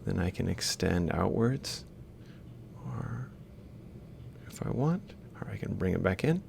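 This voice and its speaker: Here a man who lectures at a university talks through an on-screen tutorial, reasoning out loud as he writes and giving values piece by piece in step-by-step explanations. His low, darkish voice has vocal fry and lively intonation, and he goes a little slowly; a faint hiss or hum sits underneath.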